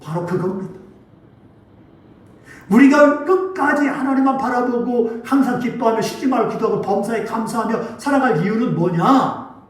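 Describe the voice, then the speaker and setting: A male pastor preaching a sermon in a church, pressing points with rhetorical questions and sudden bursts of loudness. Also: very high-pitched, animated, moderate pace. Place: church sanctuary. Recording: very echoey hall, voice from far off.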